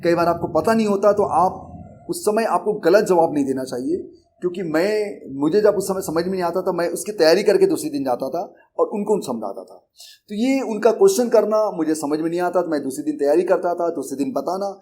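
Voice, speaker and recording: A man's voice: high voice, brisk, mellow. A middle-aged man with an Indian accent, speaking earnestly and conversationally as he teaches, mixing English terms into Hindi and often repeating himself. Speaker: English teacher and coaching institute founder. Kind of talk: Hindi lecture on learning English.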